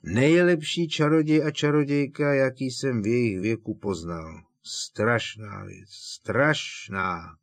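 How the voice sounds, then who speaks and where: A man voicing an elderly, fussy and sentimental potions teacher in an audiobook, talking in halting, emotional bursts. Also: medium pitch, no echo, voice pushed up, natural voice. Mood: maudlin.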